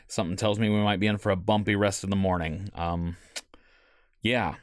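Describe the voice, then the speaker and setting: A man playing a hesitant low-voiced radio host. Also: fairly even intonation, moderate pace, lightly acted. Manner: hesitant, apologetic, restarting often. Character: weary male late-night radio host.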